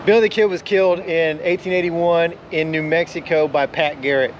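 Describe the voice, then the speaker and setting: A man's voice: on the high side, fairly even intonation, moderate pace, dull audio, background noise. A man hosting a vlog, chatting casually with playful, joking banter. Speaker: vlog host. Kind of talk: casual chat.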